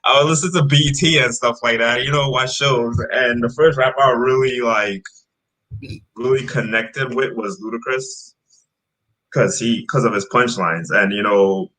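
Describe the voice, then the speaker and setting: Poor audio captures a medium-pitched man speaking at normal speed, a rapper from Trinidad in his thirties. Relaxed in a casual interview, he rambles about beginning his music career, with plenty of fillers and restarts.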